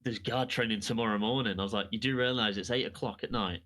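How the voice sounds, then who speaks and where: A man's voice: on the low side, fairly even intonation, fast, fairly bright tone. Sweary guy telling a rambling story. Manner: sweary, rambling anecdotes with acted-out quotes. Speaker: podcast co-host. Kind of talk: casual storytelling chat.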